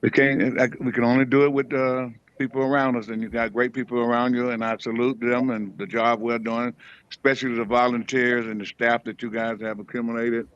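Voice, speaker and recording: An older man, the founder, speaking over a video call, halting and proud with many fillers. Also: medium pitch, little pitch movement, fairly bright tone, clean tone. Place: school room with small children. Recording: muffled dry video-call audio.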